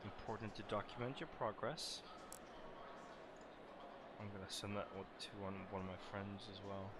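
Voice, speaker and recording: Man streaming sim racing over loud engine noise. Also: on the low side, fairly even intonation, normal speed. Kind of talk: casual live gaming commentary. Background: racing game vehicle noise.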